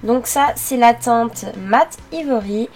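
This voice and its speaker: A young woman narrating her makeup routine step by step, pausing often with fillers as she works. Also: fairly high pitch, darkish tone, soft background music. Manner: halting, many fillers while working. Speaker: beauty vlogger. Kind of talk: makeup tutorial voice-over.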